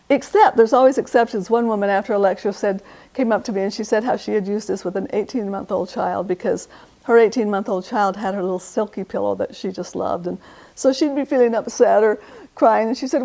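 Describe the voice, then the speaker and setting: A woman's voice: mid-range voice, mellow. An older woman giving a conversational lecture on parenting, acting out little bits of dialogue between parent and child. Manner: conversational, fillers, acts out quoted dialogue. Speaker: parenting speaker.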